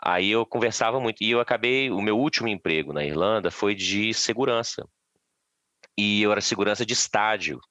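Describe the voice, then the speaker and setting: A man's voice: lowish voice, brisk, sharp tone, dry recording. A Brazilian man chatting on a podcast, telling stories with many restarts. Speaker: podcast guest. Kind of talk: casual podcast chat.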